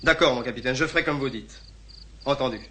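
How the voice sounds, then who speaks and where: An actor playing an anxious French army lieutenant who speaks formally and grows agitated. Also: male voice, medium pitch, quick pace, heavy background noise, close to an everyday voice. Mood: tense. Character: nervous French colonial lieutenant, out of his depth.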